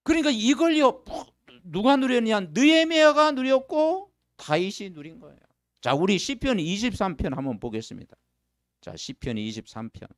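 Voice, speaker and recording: Lively pastor preaching with call and response. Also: male voice, high-pitched, no room sound, clean studio sound. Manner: emphatic call-and-response preaching with rhetorical questions; slow, declaiming scripture reading. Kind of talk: sermon. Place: church.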